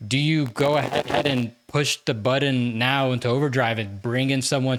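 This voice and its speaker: A man co-hosting a sports podcast in casual chat, with a halting, rambling delivery. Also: medium pitch, fairly bright tone.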